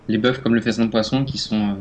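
A man's voice: fairly low pitch, steady tone, fast talker. A man co-hosting a casual gaming podcast, explaining hesitantly with many fillers and restarts. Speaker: podcast co-host.

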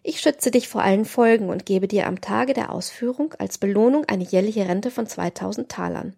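A woman's voice: medium pitch, normal speed, gravelly, warm tone, breathy edge. A woman voicing a cruel, scheming young nobleman in an audiobook, lofty and lecturing. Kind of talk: audiobook reading.

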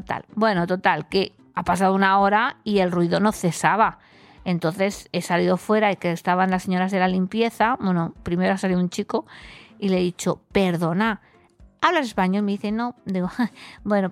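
Woman podcast host, chatty storyteller, mid pitch, dry close sound. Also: a little fast, dry recording. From Spain. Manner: chatty, acts out dialogue with laughs. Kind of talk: casual travel storytelling.

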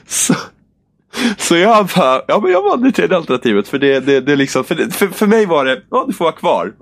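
A man's voice: on the high side, sing-song, no echo. A man in casual chat, telling a long gaming story animatedly and acting out the characters' lines.

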